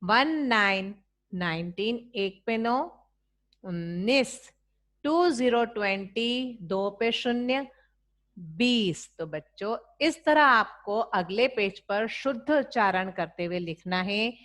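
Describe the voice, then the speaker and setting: An Indian woman leads a children's class at a gentle crawl, stretching each number out and pausing for pupils to repeat after her. Her voice sits in an ordinary middle pitch, patient and deliberate. She sounds like a schoolteacher recording an online lesson. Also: lively intonation. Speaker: teacher.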